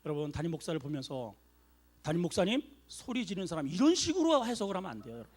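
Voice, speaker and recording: Male pastor mid-sermon, high-pitched, very expressive delivery, shifts from soft asides to loud calls. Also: fast, slightly rough. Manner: animated preaching, swings between loud exhortation and soft asides.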